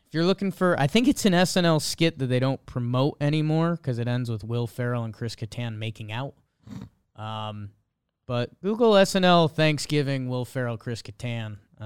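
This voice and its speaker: A man's voice: mid-range voice, clear, resonant tone, dry recording, studio quality. A man hosting a sports show in a casual, chatty style. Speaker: sports podcast host. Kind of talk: casual sports betting chat.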